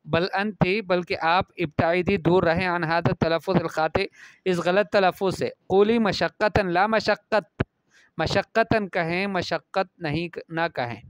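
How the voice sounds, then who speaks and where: A man's voice: high voice, steady tone, smooth, dry recording. A man teaching a lesson, reading Arabic phrases aloud and explaining each one. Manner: reads Arabic phrases then explains them. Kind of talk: classroom lesson explaining Arabic pronunciation in Urdu.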